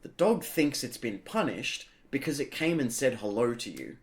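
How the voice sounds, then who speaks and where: A man co-hosting a podcast, telling animated stories in casual chat and swearing freely. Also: medium pitch, moderate pace. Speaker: podcast co-host.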